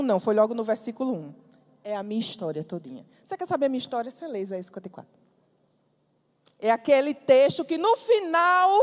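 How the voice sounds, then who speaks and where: Woman preacher, testimony sermon, animated storyteller, big hall reverb. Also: high-pitched. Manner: lively storytelling, acts out dialogue, bursts of emphasis.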